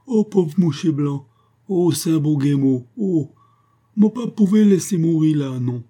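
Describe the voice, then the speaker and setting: A man's voice: on the high side, animated, unhurried, mellow, voice pushed up. A man voicing a kind, humble old male leper in an audiobook, speaking broken creole-style speech with pleading cries. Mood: lamenting. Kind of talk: audiobook character voice.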